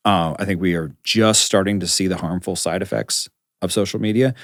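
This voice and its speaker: A deep-voiced man speaking as a podcast guest, thoughtful and measured as he lays out his views in casual talk. His voice sounds dry and close, with no room echo. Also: fairly even intonation. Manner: reflective, measured opinions. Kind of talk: casual conversation.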